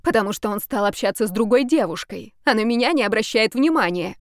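Brief: female narrator doing an obsessed young woman, urgent and loud, dry sound. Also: a little high, expressive, a little fast, no echo. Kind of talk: audiobook reading.

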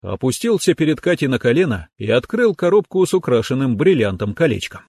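A man reading a first-person audiobook in an even, measured storytelling manner, on a close microphone. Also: mid-range voice, husky. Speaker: audiobook narrator.

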